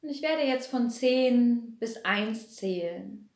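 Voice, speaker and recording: A woman guiding a relaxation meditation, speaking in a soothing way and slowly counting down to deepen the relaxation. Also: animated, darkish tone, roomy sound. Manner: slow, soothing, repetitive counting down. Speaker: meditation guide. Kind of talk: guided hypnosis meditation.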